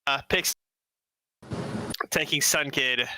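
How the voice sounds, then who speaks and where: A man playing a tabletop game over a voice call, his audio cutting out as he talks in a halting way full of fillers. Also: medium pitch, noisy background. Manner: hesitant, halting with many fillers. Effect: audio cutting out over a weak online call. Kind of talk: casual tabletop game play over voice chat.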